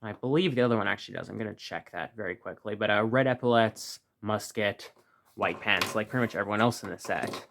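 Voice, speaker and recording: A man's voice: on the low side, fairly quick, creaky, noisy background. A man giving a casual, rambling review of a toy set from his room, full of fillers and restarts.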